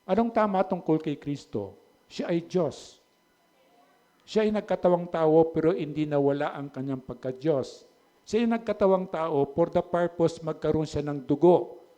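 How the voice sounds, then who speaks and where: A middle-aged man preaches as pastor in a church hall, his voice sitting somewhat high for a man. He swings between loud, animated stretches and hushed, earnest ones, with laughing asides to the congregation. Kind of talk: Taglish sermon.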